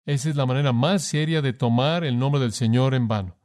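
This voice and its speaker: A man's voice: medium pitch, a little fast, a little mellow. A man preaching a sermon with emphasis, addressing the listener formally and asking rhetorical questions.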